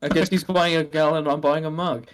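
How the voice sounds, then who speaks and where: A man playing a tabletop game, joking in animated banter. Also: on the high side, brisk. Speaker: player.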